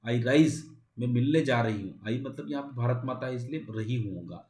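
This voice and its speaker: A man teaches an exam-prep poetry class, reading each English line slowly before explaining it word by word in Hindi. His voice sits at an ordinary male pitch, and the room around him sounds echoey. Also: darkish tone.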